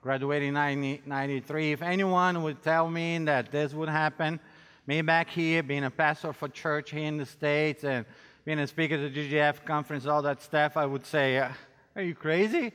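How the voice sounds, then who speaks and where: A middle-aged Brazilian pastor, a native Portuguese speaker with a Brazilian accent, preaches to a conference audience in a large, reverberant hall. His voice is somewhat high, steady, a bit bright and clean, at a moderate pace. He addresses listeners directly and interacts with them, joking in a self-deprecating way.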